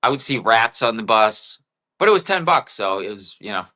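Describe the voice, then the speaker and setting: A man's voice: fairly low pitch, big pitch swings, normal speed, sharp tone. A middle-aged man as an interview guest, laid back in casual chat, swearing and saying yeah a lot. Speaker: guest musician.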